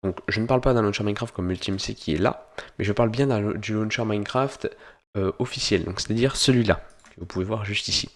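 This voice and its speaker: A man hosting a software tutorial, explaining each step in turn and often pausing to search for words. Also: fairly low pitch. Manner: step-by-step explaining, stringing steps with "donc"; hesitant, with frequent pauses to search for words. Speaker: host of a gaming tutorial channel. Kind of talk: screen-recorded software tutorial narration.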